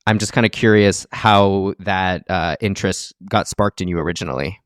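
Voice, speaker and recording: A man hosting a podcast, reading a smooth introduction and then asking casual questions. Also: low-pitched, normal speed, no echo, studio quality. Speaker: podcast host.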